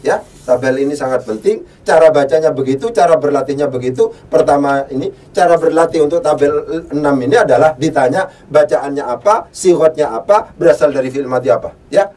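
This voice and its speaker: A man teaching Arabic grammar who quizzes the listener, repeats key phrases and chants verb forms slowly. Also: on the high side, a little mellow, recorded from a distance. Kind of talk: classroom lesson, recited conjugation drills.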